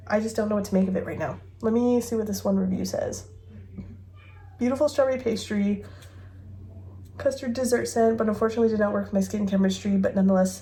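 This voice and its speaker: A woman's voice: a little high, warm tone. A woman in her thirties chatting casually at home as she reviews fragrances, thinking aloud with giggles and a phone mic. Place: home bedroom with dresser.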